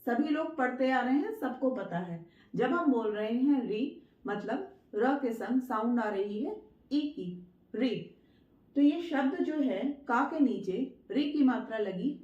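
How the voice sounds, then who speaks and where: A woman with a high, bright-pitched voice teaches a writing lesson in a patient, repetitive way. She stretches words out slowly, one syllable at a time. The sound is roomy and a little dull. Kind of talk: Hindi dictation lesson.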